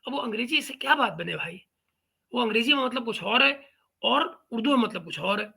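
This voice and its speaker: A man's voice: extremely high pitch, animated, brisk, gravelly, sharp tone, breathy edge. A man hosting a reaction commentary channel, talking in a mocking, sarcastic way. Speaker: YouTube commentary host.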